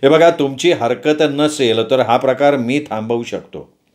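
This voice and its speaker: A man voicing a calm, scheming young man who speaks in a measured way. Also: mid-range voice, lightly acted.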